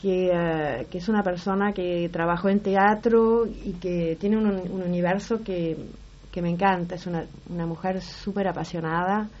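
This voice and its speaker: In a casual interview, a middle-aged actress and singer from Uruguay, with a Rioplatense Spanish accent, responds thoughtfully and keeps restarting her sentences. Her fairly low, darkish voice stays steady at normal speed. The broadcast audio is slightly muffled, with slight background noise.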